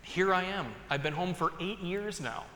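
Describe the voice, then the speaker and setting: A bright, slightly high-voiced man in his thirties preaches a homily in a large church. He tells stories in a relaxed, conversational way with touches of humor. His voice rings through the hall with a long reverb. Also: normal speed, slight background noise. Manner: conversational storytelling with light humor. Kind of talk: sermon.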